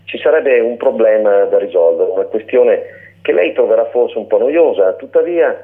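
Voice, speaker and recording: A man's voice: fairly low pitch, lively intonation, normal speed, pitched above the performer's own voice, lightly acted. A man voicing a fussy, pompous male cockroach who manages a building, speaking with strained patience over a narrow phone-like line.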